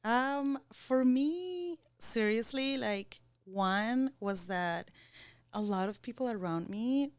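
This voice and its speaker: A woman from Costa Rica, talking in a halting way with many restarts and fillers in a casual podcast chat. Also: a little high, expressive, clean tone. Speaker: co-host.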